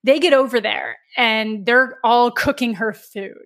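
A woman's voice: fairly high pitch, measured pace, a bit bright. A woman co-hosting a podcast, chatting casually about a movie, laughing often and swearing while she mocks it. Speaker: podcast co-host. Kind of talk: casual movie review chat.

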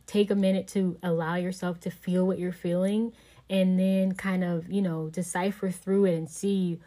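A woman's voice: on the low side, little pitch movement, moderate pace, dark tone. A woman in casual conversation, talking in a reflective way and filling her speech with "you know" and "like".

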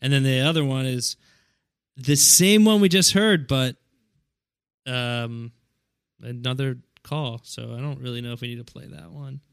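A man's voice: mid-range voice, a little slow, creaky, clear, resonant tone, dry recording. Man, podcast co-host, casual chat, easy laughter, dry close sound. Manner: relaxed, laughs often.

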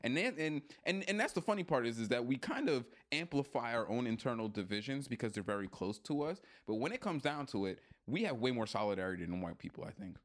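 A man co-hosting a podcast in casual chat, blunt, profane and animated, joking as he goes. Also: medium pitch, quick pace, hardly any pauses. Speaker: podcast co-host.

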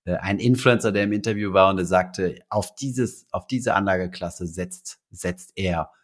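A man's voice: low voice, normal speed. A man co-hosting a casual podcast, rambling along with lots of fillers and restarts. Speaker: podcast co-host.

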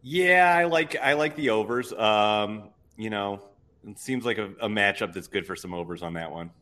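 A man's voice: on the low side, moderate pace, fairly bright tone. A man appearing as a guest on a live betting show, talking through his picks in an upbeat, easygoing way. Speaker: sports bettor guest. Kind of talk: casual chat on a live show.

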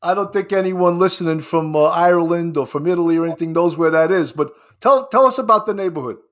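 Man, New York accent, slightly high-pitched voice, show host, casual conversational interviewing. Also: fast, fairly bright tone.

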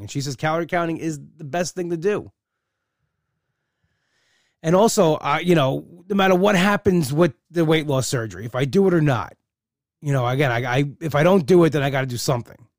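A middle-aged man gives a rambling, candid personal monologue in a casual way, often restarting his sentences. His voice is a little high, and the recording is dry with clean studio sound.

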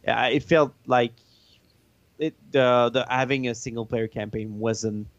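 A man speaking casually as an interviewed game developer, halting and often searching for words. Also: medium pitch, steady tone. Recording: roomy, band-limited dull sound.

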